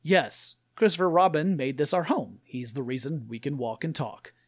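A depressive toy donkey, played by a man, mopes along in a slow drone. He sounds resigned to everything. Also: fairly high pitch, close to an everyday voice. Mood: gloomy.

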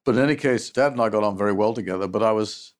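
An older man, recalling his past as an interview guest in a halting, reflective way. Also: on the low side. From United States. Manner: halting, with restarts and soft trailing endings. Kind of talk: reflective personal recollection.

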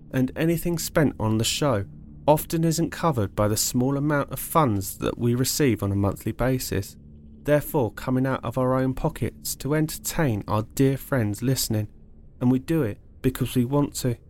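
A man's voice: mid-range voice, a little mellow, a little hiss or hum. A man hosting a podcast, reading his closing notes and appeals to listeners in an earnest, pleading way. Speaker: podcast host. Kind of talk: scripted podcast narration.

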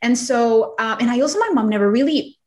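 A woman's voice: on the high side, expressive, fairly quick, darkish tone. Chatty woman from Colombia, storytelling. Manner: chatty, lots of "like" fillers. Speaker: podcast guest, business coach. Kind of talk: conversational interview storytelling.

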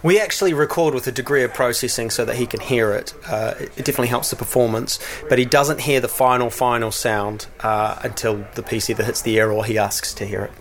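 This man makes radio promos and speaks at medium pitch, quickly and with hardly a pause. In a casual interview he sounds relaxed yet hesitant, full of fillers and restarts.

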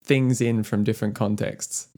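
Male podcast co-host, low gravelly voice, loose enthusiastic music chat. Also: fairly even intonation, normal speed, a little mellow. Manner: rambling, filler-heavy, enthusiastic about music.

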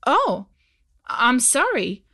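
A woman's voice: high-pitched, wildly swooping pitch, drawn-out words, sharp tone, no room sound, studio quality, voice pushed up, full character voice. A woman voicing a kind, earnest young miner boy in a storybook reading. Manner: earnest, polite.

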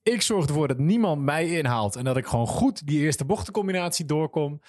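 A man's voice: on the high side, animated, a little fast, a little mellow, no echo, clean studio sound. A man co-hosting a casual motorsport chat, thoughtful and hesitant, with many ehms. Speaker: podcast co-host.

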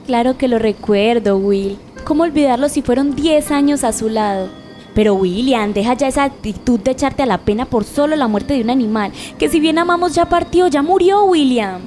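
A woman's voice: high voice, normal speed, darkish tone, soft background music, close to an everyday voice. Stern tired woman in a radio play, acted by a woman, scolding her drunk man, coughs a bit. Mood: reproachful. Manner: reproachful, stern. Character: exasperated sick partner, stern and weary. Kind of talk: amateur radio drama.

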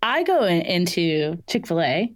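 A woman's voice: fairly low pitch, sing-song, a little slow, no room sound, studio quality. A woman telling a funny story in a casual chat, giggly and sheepish.

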